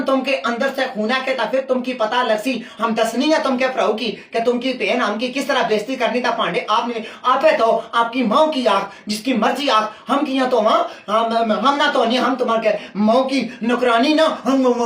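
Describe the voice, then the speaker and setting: A man putting on a shrill, ranting village woman. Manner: ranting, shouting, aggrieved. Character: loud, quarrelsome village woman, a sister-in-law tired of housework. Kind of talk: comic sketch. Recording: roomy and distant.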